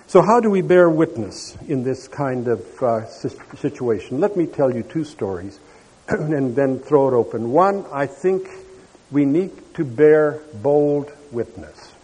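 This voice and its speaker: A man's voice: medium pitch, lively intonation, a little slow, a little mellow, husky. A man giving an earnest public talk at a church gathering, telling stories with wandering asides. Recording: long reverb of a large hall.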